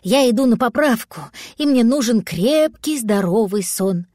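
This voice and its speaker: A woman voicing an ill father cat who speaks softly and slowly in a weak, lowered voice. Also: lively intonation, no room sound, clean studio sound. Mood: sleepy. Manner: soft, weak, slow. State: weak from illness.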